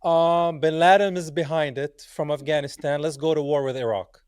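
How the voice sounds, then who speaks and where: Clean, dry studio audio carries a smooth, higher-than-average male voice at a moderate pace. The speaker is a Palestinian man in his forties whose first language is Arabic, appearing as an interview guest and sharing stories casually. He performs the dialogue in a lively way and frequently breaks into laughter.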